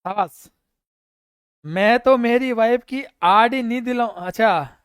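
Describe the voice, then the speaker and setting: A man's voice: very high voice, slow pace, a bit bright, clean tone, no room sound, clean studio sound. A man teaching a live exam-prep class online, quizzing students, reading out their names and praising them, with funny stories mixed in. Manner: storytelling with humor.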